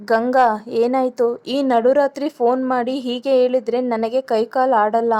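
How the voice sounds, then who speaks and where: A woman's voice: a little high, little pitch movement, a little slow, dark tone, natural voice. A woman voicing a protective young man who speaks in urgent, worried questions.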